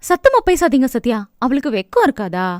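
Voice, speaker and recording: A cheerful, affectionate wife who coaxes and gently scolds in a raised, bright voice, as a woman reads her. The audiobook sound is close and dry. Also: sits high, wildly swooping pitch, a little fast, no room sound. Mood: coaxing.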